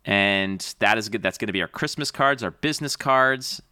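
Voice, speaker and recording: A man's voice: fairly low pitch, moderate pace, pushed and bright, clear, resonant tone, no echo, studio quality. A man co-hosting a podcast about a card game, chatting in an upbeat, rambling way with lots of fillers. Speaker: podcast co-host. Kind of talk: casual chat.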